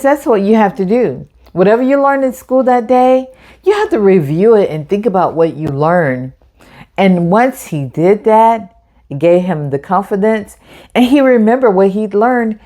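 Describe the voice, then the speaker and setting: A woman with a mellow, mid-range voice hosts a children's read-aloud storytime. She talks like a teacher, encouraging her young listeners with direct questions.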